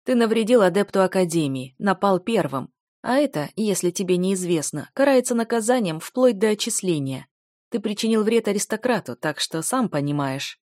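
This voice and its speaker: A woman reading an audiobook voices an arrogant young male aristocrat bully who sneers, mocks and barks orders loudly. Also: medium pitch, expressive, moderate pace, no room sound, studio quality, close to an everyday voice. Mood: gloating. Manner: mocking, loud and commanding.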